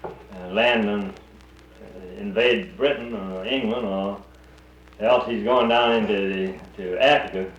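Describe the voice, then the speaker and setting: A man's voice: fairly low pitch, steady tone, slow, dull audio. A man, heard on an old 1941 archival recording, speaking bluntly and often restarting his sentences in casual conversation. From North Carolina. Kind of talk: casual conversation about the war. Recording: roomy old recording with faint hiss.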